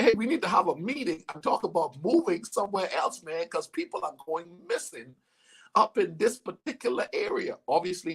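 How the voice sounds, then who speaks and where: A man's voice: high voice, slightly rough. A man from the Bahamas hosting a livestream interview, telling stories with energy and speaking straight to his viewers. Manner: animated storyteller, talks to viewers. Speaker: host.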